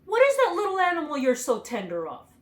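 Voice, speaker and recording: A woman's voice: very high-pitched, huge pitch swings, fast, pitched above the performer's own voice, full character voice. A woman voicing a big, cowardly male lion in a children's storybook read aloud. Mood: curious.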